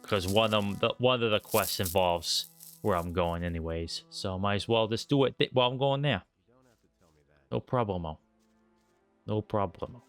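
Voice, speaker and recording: A man's voice: lowish voice, normal speed, fairly bright tone, smooth, faint music behind. A man streaming a game with casual commentary, rambling and talking to himself.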